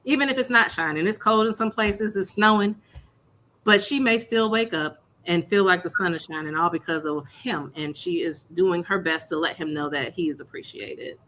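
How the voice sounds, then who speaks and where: A woman's voice: on the low side, normal speed, fairly bright tone. A woman guest in a casual chat, explaining her greeting cards with frequent laughs. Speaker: guest, card maker.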